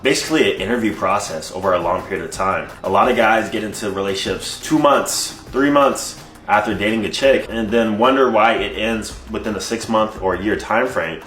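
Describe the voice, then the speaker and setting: A man's voice: lowish voice, fairly quick, fairly bright tone, echoey room. A man giving direct, instructive dating advice.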